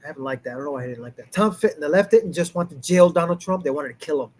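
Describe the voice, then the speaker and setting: A man hosts a live stream and comments on clips in a loose, rambling way. His voice is husky and sits higher than most men's. He chuckles and mutters between clips. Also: racing. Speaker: host.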